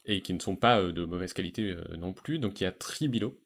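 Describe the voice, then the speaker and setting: A man hosting a relaxed podcast conversation, talking enthusiastically about animated series with frequent fillers and restarts. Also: low-pitched, quick pace, gravelly. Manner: enthusiastic, hesitant with many fillers. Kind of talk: casual chat.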